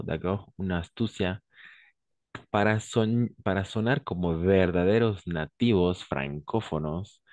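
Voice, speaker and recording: A man with a low, darkish voice teaches French to Spanish speakers, slow and patient, switching to Spanish and checking understanding with frequent "d'accord?" The recording lacks echo and has its highs cut off.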